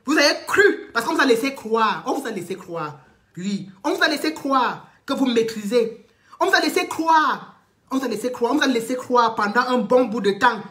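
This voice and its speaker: A woman delivers an impassioned live-stream rant, hammering the same phrases again and again. Her voice sits somewhat high, and she swings from loud declarations down to low, muttered threats. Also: animated, moderate pace. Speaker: online commentator.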